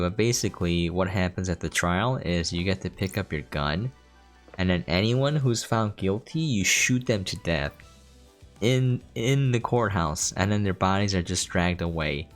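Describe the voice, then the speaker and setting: A game streamer with a low-sitting voice talks at a normal speed, giving viewers a casual, explanatory preview of the gameplay. Game music runs in the background.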